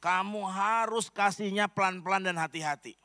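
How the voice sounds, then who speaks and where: A male pastor voicing a calm, sly healer who reassures a distressed woman. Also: high voice, normal speed, no room sound, clean studio sound, voice pushed up. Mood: calm reassuring.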